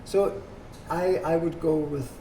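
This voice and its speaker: In a noisy room full of ambient sound, a person explains board game rules to players at a table, patiently instructing and making sure everyone follows. Their medium-pitched voice is steady, slow, and mellow.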